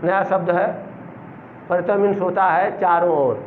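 A middle-aged man, teaching a classroom reading lesson, slowly spelling out words syllable by syllable. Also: high-pitched, fairly even intonation, echoey room. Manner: slow, drawn-out syllable-by-syllable spelling. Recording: tinny phone-like recording with faint hiss.

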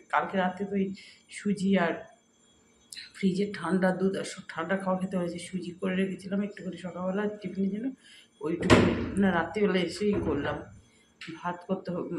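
A woman narrating a home cooking vlog as a voice-over, speaking softly and slowly, tired and weak, with chatty asides to her viewers. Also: on the low side. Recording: echoey room, faint background noise.

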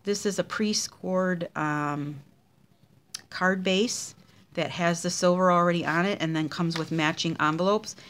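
A woman's voice: lowish voice, steady tone, measured pace, a bit bright, slight background noise. A woman casually showing handmade cards in a craft vlog, chatty and gushing over each one. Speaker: craft demonstrator showing card swaps.

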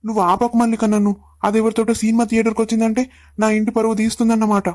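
A woman's voice: on the high side, monotone, rapid-fire, a little mellow, no echo, clean studio sound, natural voice. A woman playing a doting young husband who coaxes his wife in Telangana Telugu. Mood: indignant. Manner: coaxing, affectionate, then indignant. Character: doting young husband, protective and quick-tempered.

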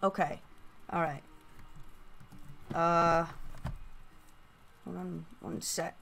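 A woman giving casual, rambling gameplay commentary through a voice changer, halting and prone to excited exclamations. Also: mid-range voice, gravelly, a little hiss or hum. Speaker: gaming video host.

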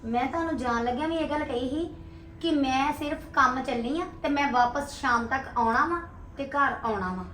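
A woman's voice: sits high, moderate pace, a bit bright, a little hiss or hum. A woman with a Punjabi accent playing a defiant young wife who insists on her place in the home. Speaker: wife, daughter-in-law. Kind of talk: family drama acting. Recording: roomy echo, faint music.

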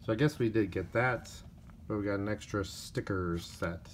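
Tired guy slowly opening card packs, lowish voice, kinda flat listing names, light hiss. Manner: unhurried, reads off player names in a flat list. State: a little tired. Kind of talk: casual pack-opening commentary. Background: crinkling wrappers and card clicks.

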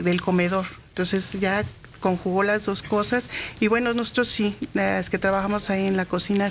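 Soft-spoken Mexican woman in her fifties. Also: medium pitch, a little hiss or hum. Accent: Mexican Spanish. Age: 50s. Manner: soft-spoken, hesitant with many fillers. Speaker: radio studio guest. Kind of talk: casual radio interview. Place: radio studio.

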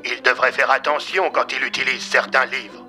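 A man voicing a fussy, slow-witted old man mage in an audio story, with a fretful manner. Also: mid-range voice, fairly even intonation, pushed and bright, faint music behind.

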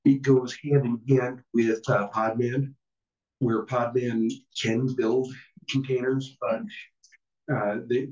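Man presenting to a small crowd, halting and filler-heavy, self-deprecating, heard from a distance in an echoey room. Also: mid-range voice. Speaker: presenter at a user group meeting. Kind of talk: casual technical presentation. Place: meeting room with an audience. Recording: distant, roomy, dull room recording.

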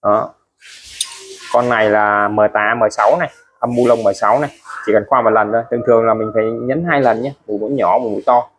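A man's voice: mid-range voice, fairly even intonation, brisk. A man walks through his used tools item by item, chatty and repetitive, restating each price. His voice sits in a middle register. A faint noise hums underneath. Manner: chatty, ends phrases with friendly particles. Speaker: used tool seller. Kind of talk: casual product showcase.

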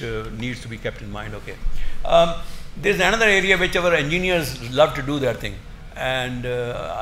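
A man's voice: mid-range voice, pushed and bright. Older man lecturing, roomy sound. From India. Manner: halting, repeats words, emphatic. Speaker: professor giving a lecture. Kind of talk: academic lecture, extemporaneous. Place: indoor lecture room, seated at a desk. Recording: roomy echo, faint background noise.

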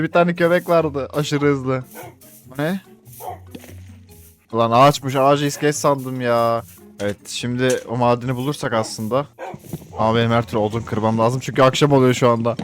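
A young man with a Turkish accent giving excitable Minecraft let's play commentary, often jumping up in pitch as he shouts at his dog. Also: normal speed. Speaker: gaming YouTuber. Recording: faint game music behind.

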